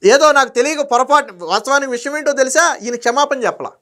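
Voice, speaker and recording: Combative high-voiced male political commentator. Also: fast, bright, forceful tone. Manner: combative, fires rhetorical questions at someone not present. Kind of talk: heated opinion monologue.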